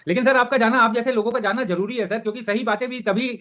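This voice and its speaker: A man's voice: very high-pitched, steady tone, fast, bright, forceful tone. A male interviewer who politely defers to his guest, calling him sir. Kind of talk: interview questions.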